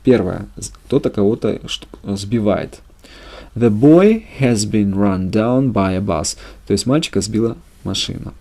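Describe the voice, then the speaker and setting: Gravelly low-voiced man teaching a lesson. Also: animated, unhurried, dark tone. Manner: reads English examples then translates them into Russian. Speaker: English teacher. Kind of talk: language lesson narration.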